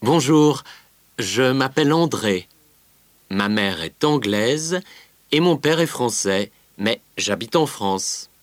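A man playing an easygoing teenage boy with an English mother and a French father, speaking slowly and clearly for a language course. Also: medium pitch, lively intonation, dry recording. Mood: relaxed. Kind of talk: scripted language-course recording.

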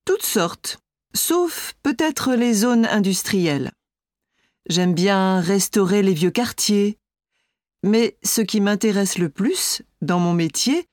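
A woman playing an architect in a scripted listening-exam interview, speaking clearly and steadily. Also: mid-range voice, darkish tone, dry recording, clean studio sound. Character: adult woman architect, friendly and composed.

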